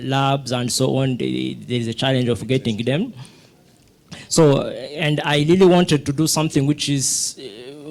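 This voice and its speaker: A man's voice: medium pitch, vocal fry. A middle-aged man from Rwanda speaking as a physicist on a panel, telling his story with many restarts and fillers. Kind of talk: panel talk, personal story.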